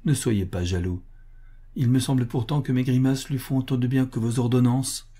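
A man voicing a kindly, big male circus clown who talks softly, slowly and gently. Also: mid-range voice, natural voice. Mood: playful. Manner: soft, slow and gentle.

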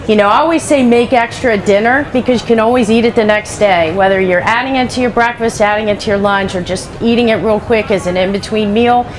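A middle-aged woman chef giving a live cooking demonstration on a trade show stage, talking in a chatty, practical way with lots of asides. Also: mid-range voice. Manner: chatty, practical, many "you know" asides. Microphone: headset.

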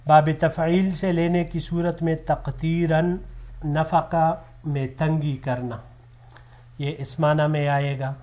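A man's voice: on the high side, flat delivery, darkish tone. Man teaching, word by word, lo-fi. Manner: measured, listing word forms and meanings one by one. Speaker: Arabic teacher. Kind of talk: lesson explaining vocabulary. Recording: slightly dull lo-fi recording.

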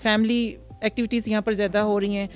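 A woman in her thirties from Pakistan, a restaurant founder answering interview questions outdoors into a handheld mic, pausing often with fillers. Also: medium pitch, level tone, faint music behind. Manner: hesitant, many fillers, mixes English words. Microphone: handheld mic held by interviewer.

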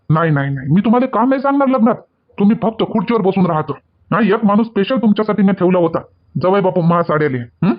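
A man's voice: high voice, lightly acted. A man with a Varhadi Marathi accent playing a middle-aged father-in-law who soothes and coaxes. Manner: soothing, coaxing. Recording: dull lo-fi sound.

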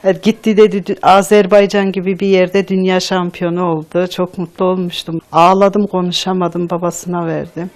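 A woman's voice: fairly low pitch, level tone, moderate pace, hardly any pauses, a little mellow. A middle-aged woman telling a personal story in an interview, as a proud athlete's mother.

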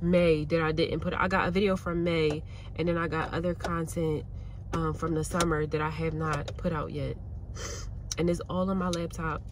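A woman's voice: low-pitched, little pitch movement, normal speed. A woman vlogging casually about her new nail salon, candid and rambling, from Pennsylvania. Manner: candid, rambling, uses y'all and like a lot. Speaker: nail tech and salon owner. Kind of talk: casual vlog chat. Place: in a car. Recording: car and street noise behind.

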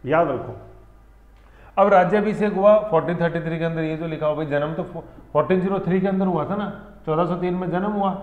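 Playful teasing male teacher. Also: on the high side. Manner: playful, teasing, quizzing students. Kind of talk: exam-prep history lesson. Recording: echoey room, slightly dull sound.

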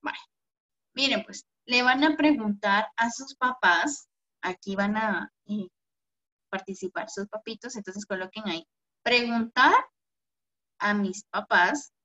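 A woman primary school teacher giving an online class to children, gentle and affectionate, often ending phrases with a questioning "¿verdad?". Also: medium pitch, a little slow. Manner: affectionate, calls pupils "mi amor". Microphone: video call. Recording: dull lo-fi video call audio.

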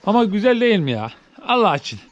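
A man vlogging from a snowy farm barn, chatting casually to camera while doing chores and cooing at newborn goats, then dropping to soft low chatter. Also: big pitch swings, quick pace, muffled recording. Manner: coos and baby-talks at animals, rising high and loud; drops to soft, low chatter when explaining. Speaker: village vlogger tending goats.

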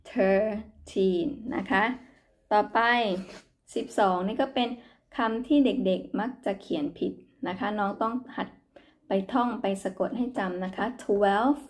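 A woman teaching English numbers to young children in a recorded online lesson, speaking English with a Thai accent. She talks slowly and patiently, repeating each word and spelling it out letter by letter. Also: medium pitch. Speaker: primary school English teacher.

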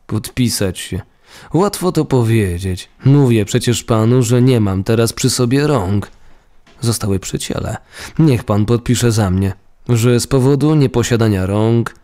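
A man's voice: medium pitch, a little slow, warm tone, close to an everyday voice. A man voicing the ghost of a young nobleman who has lost his body, speaking in humble, formal petitioning language. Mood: polite.

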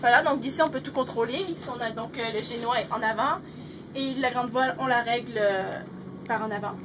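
A young woman shows off her sailboat in an easygoing, halting way, her voice sitting high. Loud wind and water noise rush over the action-camera recording on an open deck. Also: recorded from a distance. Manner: relaxed, many "euh" fillers, light laughs. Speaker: sailboat owner giving a tour. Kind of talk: casual video tour. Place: sailboat cabin, then open deck outdoors.

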